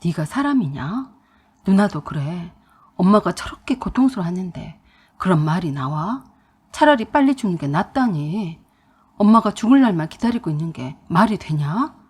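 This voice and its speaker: A woman's voice: on the low side, animated, moderate pace, a little mellow, breathy edge, pitched below the performer's own voice. A woman voicing an angry young husband who fires off heated, accusing questions.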